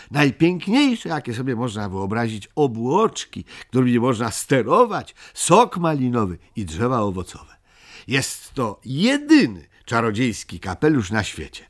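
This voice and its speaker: A man voicing a warm, resourceful motherly female creature who talks eagerly, often exclaiming, in a storybook reading. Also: medium pitch, huge pitch swings, measured pace, voice pushed up. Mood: persuasive. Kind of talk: storybook character voice.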